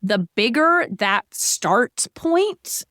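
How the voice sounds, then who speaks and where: A woman's voice: fairly high pitch, very animated, very slow, a bit bright, no echo, studio quality. A middle-aged woman on a financial podcast, explaining goal-setting with everyday examples in a conversational way.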